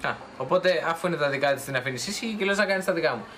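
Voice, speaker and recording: A man's voice: fairly high pitch, lively intonation, fairly bright tone, a little hiss or hum. A man acting a husband in a TV drama, defensive and dismissive. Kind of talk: acted TV drama dialogue.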